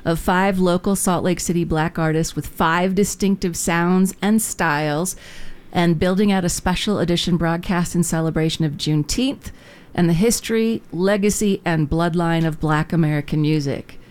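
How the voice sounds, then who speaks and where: A woman hosting a community radio show, chatting casually and introducing guests with frequent pauses. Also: on the low side, a little mellow, clean tone. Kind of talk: casual on-air chat and interviewing.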